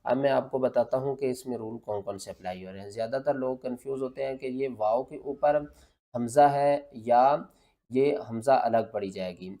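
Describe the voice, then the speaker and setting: A man teaching Quran recitation with a mid-range voice. He names each letter and vowel, then blends them slowly into a drawn-out chant. Between verses he keeps asking the listener what to do next and gives the answer himself. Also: mid-range voice, warm tone. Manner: asks the viewer questions and answers them himself. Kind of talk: step-by-step recitation lesson.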